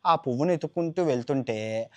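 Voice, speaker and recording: A man's voice: mid-range voice, lively intonation, fairly quick. A man retelling an epic tale in a casual, colloquial way, stepping into the characters' lines with big swings of voice. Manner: chatty, colloquial, mixes English words. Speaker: storyteller. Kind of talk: casual storytelling with acted quotes.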